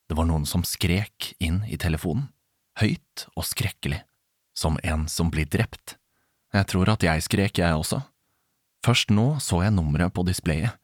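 Deep male storyteller, suspenseful first-person narration, dry recording. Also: no room sound.

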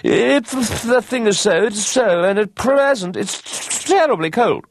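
Male reader voicing a high, slow, self-important storybook woodpecker. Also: animated, a little hiss or hum. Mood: matter-of-fact. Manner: stammering, lofty. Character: pompous male woodpecker philosopher.

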